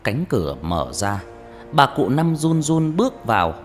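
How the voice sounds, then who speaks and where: A man's voice: mid-range voice, unhurried. Guy reading an audiobook dramatically, echoey, music playing under. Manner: expressive, dramatic storytelling. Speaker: audiobook narrator. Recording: reverberant with background music.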